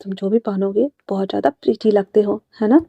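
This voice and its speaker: Woman doing a soft-spoken gentle young man. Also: flat delivery, normal speed, no room sound, natural voice. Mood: tender. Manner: soft, low and hushed. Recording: dry, slightly muffled.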